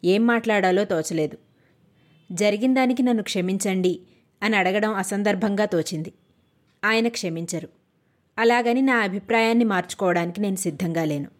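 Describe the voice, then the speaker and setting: Lady reading an audiobook, steady and measured, mid pitch. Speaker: audiobook narrator. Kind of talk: scripted audiobook narration.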